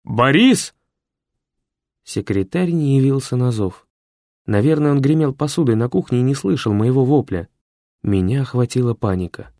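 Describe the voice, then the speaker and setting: A male audiobook narrator telling a first-person story in a steady, measured voice. His pitch sits in the middle range for a man. The recording is dry and close-miked, with no room echo.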